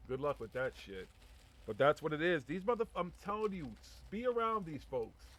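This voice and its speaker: A man's voice: a little high, sing-song, moderate pace, a bit bright. A man hosting a casual live chat, speaking bluntly and rambling with heavy swearing. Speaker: talk show host.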